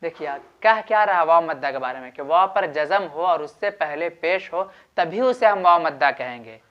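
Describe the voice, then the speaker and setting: A man's voice: on the high side, lively intonation, moderate pace. Patient man teaching, muffled recording. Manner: repeats each rule and drawls out example syllables. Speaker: Quran recitation teacher. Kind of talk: explaining a lesson step by step.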